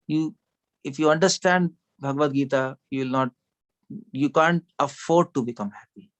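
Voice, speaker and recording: Male speaker, mid pitch, chatty sermon style, quizzes the audience, laughs a lot. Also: normal speed, fairly bright tone. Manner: conversational, asks the audience questions, laughs often. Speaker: speaker at a devotional gathering.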